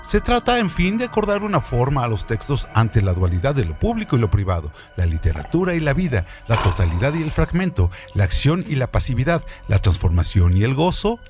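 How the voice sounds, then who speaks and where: Over a quiet music bed, a man narrates scripted literary trivia in an instructive style built on rhetorical questions. His mid-range voice is highly animated and varied, moving fairly quickly with hardly any pauses.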